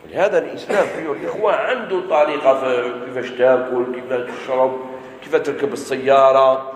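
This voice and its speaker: A man's voice: on the high side, roomy sound, long reverb tail, a little hiss or hum, rough recording. A man with an Algerian Arabic accent giving a religious lesson, often asking the audience questions and then answering them himself. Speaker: preacher.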